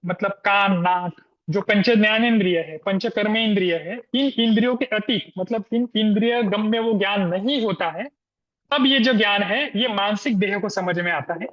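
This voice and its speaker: A man giving an online guest lecture over a video call, explaining slowly with pauses and demonstration examples. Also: high voice, muffled recording. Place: room in Gujarat.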